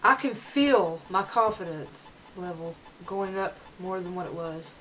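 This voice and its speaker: A woman's voice: fairly low pitch, expressive, unhurried, fairly bright tone, a little hiss or hum. A young woman talking earnestly in a casual vlog, rambling and restarting her sentences, recorded on a camera mic at home. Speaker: vlogger. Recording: dull lo-fi home video.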